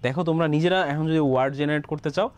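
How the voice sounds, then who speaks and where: A man's voice: a little high, very fast, darkish tone, clean tone. Bangladeshi man teaching an online English class. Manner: encouraging, repeats words and checks with students often. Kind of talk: live online class, reading student answers.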